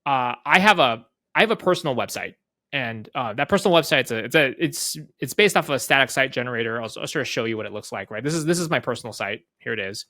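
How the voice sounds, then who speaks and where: Walking through a piece of software at a quick clip, this male guest product leader speaks in a mid-range voice with lively intonation and an unscripted, casual feel. He frequently checks in using tag questions and plays out brief bits of dialogue. There's very little room in the sound and no echo.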